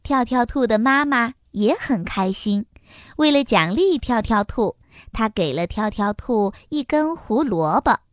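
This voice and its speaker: A woman narrating a children's story in a slow, sing-song, expressive way. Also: a little high, dry recording, studio quality.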